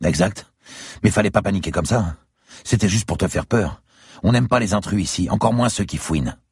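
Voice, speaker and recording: A man voicing a battered, frightened heavyset thug in a thriller audiobook, yelling and pleading. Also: sits low, a little fast, husky, no echo, clean studio sound, pitched above the performer's own voice. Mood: scared. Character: beaten, scared heavyset male thug.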